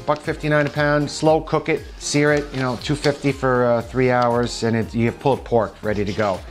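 A man's voice: medium pitch, little pitch movement, normal speed, soft background music. A man with a New Jersey accent gives casual, opinionated commentary on store flyers, chatty with frequent restarts. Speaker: vlog host.

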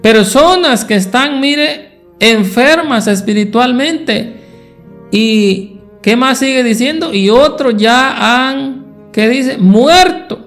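High-voiced, slow preacher. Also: male voice, expressive, fairly bright tone, faint music behind. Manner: rhetorical questions to the congregation. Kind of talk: Sunday school sermon.

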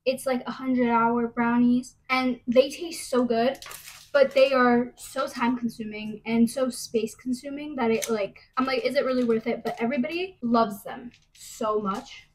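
A woman's voice: fairly high pitch, fairly even intonation, a little slow, fairly bright tone, slight background noise, rough recording. Chatty young woman vlogging at home. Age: young adult. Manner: chatty, gossipy, rambles on tangents. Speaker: college student vlogger. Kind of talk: casual vlog chat to camera. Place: home kitchen, later a bedroom. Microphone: phone camera propped at arm's length, later a handheld mic.

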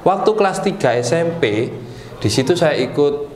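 A man, a PE teacher chatting as a guest in a relaxed, joking way. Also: fairly high pitch. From East Java, Indonesia. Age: 30s. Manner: relaxed and joking, with pauses to recall. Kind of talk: casual interview chat. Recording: roomy echo, faint ambient noise.

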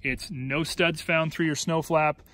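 A man's voice: on the high side, fairly even intonation, a little slow, bright, forceful tone, dry recording. A man giving a casual, rambling walkaround review of a snowmobile outdoors, filming on a handheld phone, with many restarts and filler words. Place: outdoors on snow beside a snowmobile. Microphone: handheld phone camera. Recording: outdoor phone recording with engine noise.

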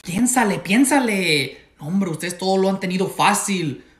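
A man's voice: high-pitched, animated, normal speed, echoey room, pitched below the performer's own voice. A man doing a grumbling Mexican dad. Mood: lecturing. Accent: Mexican Spanish. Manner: grumbling, lecturing, cursing. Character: gruff stern Mexican father lecturing daughter.

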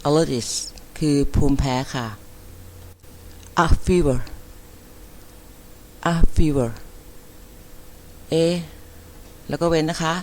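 A woman teaching an English vocabulary lesson, repeating each word and spelling it out letter by letter with careful, deliberate enunciation. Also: low voice, darkish tone, slight background noise. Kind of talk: slow vocabulary lesson, spelling words aloud.

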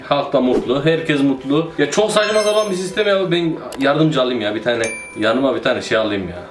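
A man's voice: medium pitch, expressive, a little fast. A man giving casual, joking commentary while playing a city-building game and talking to himself. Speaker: gaming YouTuber. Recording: roomy echo.

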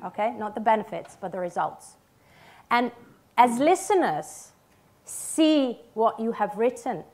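A woman in her thirties giving a conference talk, emphatic, with short punchy statements and check-in questions. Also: a little high. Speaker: conference speaker, radio ad writer. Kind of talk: conference presentation. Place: theatre stage.

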